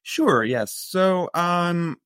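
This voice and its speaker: A man's voice: high-pitched, expressive, very slow, a bit bright, smooth, no room sound, clean studio sound. A man in his thirties from Egypt, a podcast guest, talking hesitantly with many fillers. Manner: hesitant, full of uh and like, restarts. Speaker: guest researcher. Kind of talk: casual podcast interview.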